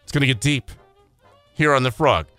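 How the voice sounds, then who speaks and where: A man co-hosting a radio morning show, chatting casually in a quick, joking, self-deprecating way. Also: medium pitch, pushed and bright, soft background music.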